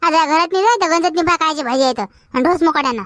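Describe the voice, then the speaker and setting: A woman's voice: high-pitched, very fast, a bit bright, no room sound, studio quality. A woman playing a nagging village mother in a comedy skit, speaking with a Vidarbha Marathi accent. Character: scolding village mother of an unruly son.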